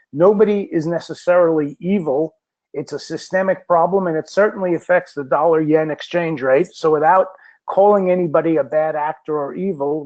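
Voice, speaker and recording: A man's voice: on the high side, a little mellow. Man explaining policy over a muffled call. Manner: measured explanations with frequent ums and restarts. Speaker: policy expert panelist. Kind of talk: answering questions on a video call. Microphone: video call.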